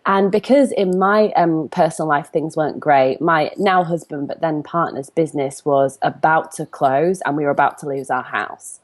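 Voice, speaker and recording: Speaking at a normal speed in a low voice, this woman hardly pauses at all. In her thirties and Northern English, she's a comparison coach being interviewed, chatting animatedly through personal stories.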